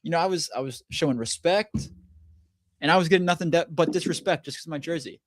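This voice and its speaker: A man's voice: fairly high pitch, no echo, clean studio sound. A young man co-hosting a live sports draft reaction stream, chatting casually and reading out viewer comments. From DC area, USA. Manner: chatty, quick banter, reads out viewer comments. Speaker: co-host.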